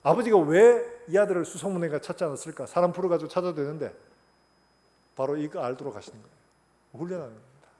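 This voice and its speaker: Man, middle-aged, pastor preaching, lively storytelling, acts out voices, somewhat high voice. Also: fast. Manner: animated storytelling, acting out voices with sudden loud cries. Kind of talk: sermon.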